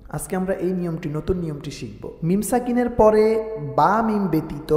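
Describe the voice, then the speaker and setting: A man's voice: high voice, a little mellow. A man teaching Quran recitation. He chants verses, splits words into syllables and explains the recitation rules. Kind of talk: slow syllable-by-syllable recitation lesson. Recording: echoey room with long reverb.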